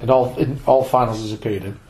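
A man's voice: medium pitch, steady tone, a little fast, darkish tone, a little hiss or hum, rough recording. A man with an English accent chatting casually, upbeat and full of trivia and jokes. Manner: upbeat, jokey, sharing trivia. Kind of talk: casual chat.

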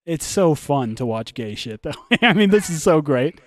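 A man's voice: on the high side, sing-song, normal speed, no echo. A man hosting a casual podcast, reacting to videos with crude banter and frequent laughter. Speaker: podcast host.

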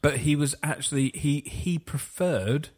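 A man's voice: on the high side, measured pace, a little mellow. A man in casual podcast chat, blunt and dismissive in his opinions.

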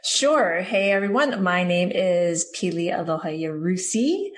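A woman in her forties from Hawaii, a podcast guest telling her story in a warm, rambling way, with fillers and self-corrections. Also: on the low side, animated, a little slow. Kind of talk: interview answers.

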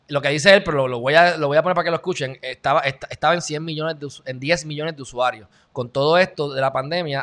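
With a fairly high, fairly bright voice, a Puerto Rican video host talks his viewers through the news in a Puerto Rican Spanish accent. His commentary stays loose and chatty, broken up by joking asides.

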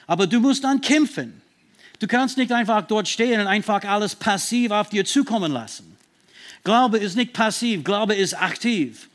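A man preaching a sermon, stressing Bible verses slowly and emphatically, sometimes restarting as he searches for words. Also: high-pitched, lively intonation, fairly bright tone.

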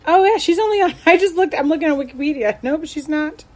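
A woman's voice: high voice, animated, quick pace, a little mellow. A woman co-hosting a podcast, bubbly and talkative, laughing and trailing off mid-thought. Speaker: podcast co-host. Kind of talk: casual chat.

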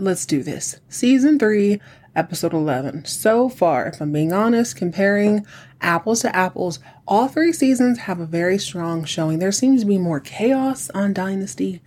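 Campy, sassy drag-queen-style host, husky voice. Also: mid-range voice, a little mellow. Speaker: podcast host. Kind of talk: chatty solo recap commentary.

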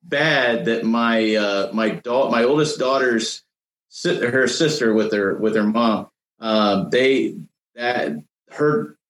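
A man co-hosting a podcast in casual chat, animated and playful, laughing easily. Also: medium pitch, takes it slowly. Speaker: podcast co-host. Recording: roomy echo.

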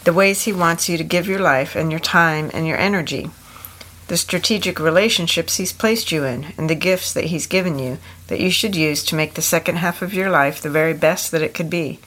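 Low-voiced older woman, steady podcast co-host. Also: fairly quick.

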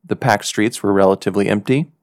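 A podcast host from the United States recounts a personal story through earnest, reflective scripted narration, keeping his delivery measured. His voice is lowish with a darkish tone, recorded at studio quality with no echo.

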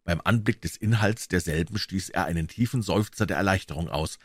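Husky male audiobook narrator, expressive. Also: deep voice, a little fast, no echo, studio quality. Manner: dramatic, expressive reading. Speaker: audiobook reader.

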